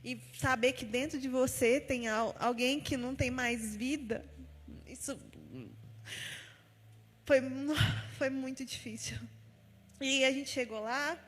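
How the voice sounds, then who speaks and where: A woman's voice: high-pitched, fairly even intonation, slow pace, long pauses. A woman giving a personal testimony at a church service, telling her story with heartfelt feeling and often recounting what was said to her. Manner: heartfelt storytelling, retelling conversations. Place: church hall. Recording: long reverb of a large church hall.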